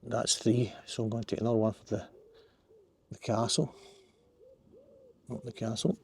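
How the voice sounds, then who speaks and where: A man's voice: lowish voice, little pitch movement, normal speed, creaky, darkish tone, a little hiss or hum. A middle-aged Scottish man, a landscape photographer, chatting to himself in a casual vlog while hiking through riverside woods outdoors.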